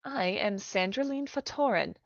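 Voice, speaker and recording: A woman voicing a brisk, kind and stubborn young noble girl, talking in a firm, proper way. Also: mid-range voice, lively intonation, gravelly, dry recording, pitched above the performer's own voice. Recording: dry, dull lo-fi recording.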